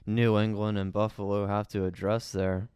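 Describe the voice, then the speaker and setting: A man co-hosting a podcast in casual sports chat, speaking in a calm, measured way. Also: fairly low pitch, clear, resonant tone, dry recording, studio quality. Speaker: podcast co-host.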